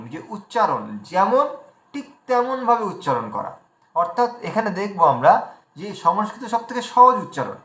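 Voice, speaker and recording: Bengali male teacher, high voice, patient explainer, echoey room, online class. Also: fairly bright tone. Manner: explanatory, spells out letters slowly. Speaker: Sanskrit pronunciation teacher. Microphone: video call.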